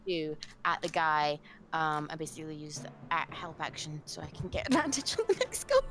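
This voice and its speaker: A woman from Scotland playing a tabletop game, talking hesitantly and filling pauses with um. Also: low voice, sing-song, fairly bright tone, a little hiss or hum. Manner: hesitant, full of ums. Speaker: player. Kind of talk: casual tabletop game chat.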